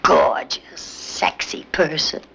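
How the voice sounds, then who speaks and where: Slow-talking, coy older lady. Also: fairly bright tone. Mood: playfully flirtatious. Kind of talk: light TV comedy-drama acting. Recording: muffled soundtrack, faint noise.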